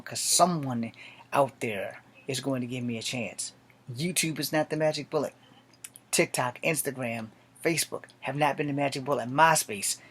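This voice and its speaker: A man's voice: mid-range voice, fairly bright tone, husky. A man in his late forties, an army veteran, speaking a blunt, profane and defiant personal monologue to camera. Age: 40s.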